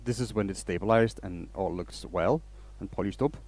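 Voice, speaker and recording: A Danish man hosts a relaxed woodturning livestream, chatting casually as he works and greeting viewers with rambling, restarted sentences. His voice sits on the low side, with a darkish tone and a normal speed.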